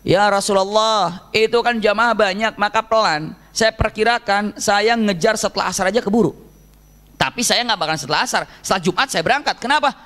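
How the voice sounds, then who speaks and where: A man's voice: high voice, a little fast, a bit bright. A man preaching in a storytelling style, voicing a devout male companion who pleads earnestly in a raised, emotional voice. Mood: pleading. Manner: pleading, rising emotional delivery. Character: devout grieving male companion, eager and remorseful.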